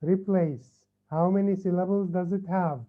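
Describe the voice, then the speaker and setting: A man teaching an online class, moving between explanations and drawn-out English words he says again and again. His voice sits high, and he takes his time. The sound is thin and tinny, like a phone line. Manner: switches between Arabic and slow, drawn-out English, repeating words to drill them.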